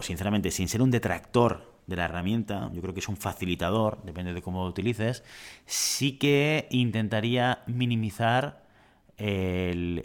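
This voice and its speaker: Male trainer, lower pitch, measured and reflective instructional delivery. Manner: measured, reflective, with fillers and rhetorical questions. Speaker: presentation skills trainer. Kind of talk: instructional talk on presenting.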